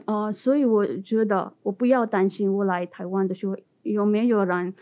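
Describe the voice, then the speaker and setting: Foreign lady doing an interview in accented mandarin, kinda halting, sounds like a phone call. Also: mid-range voice, fairly even intonation. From India. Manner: non-native Mandarin speaker, halting, simple phrasing with repetitions. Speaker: interview guest. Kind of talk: conversational interview answers. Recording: muffled narrow phone-like sound.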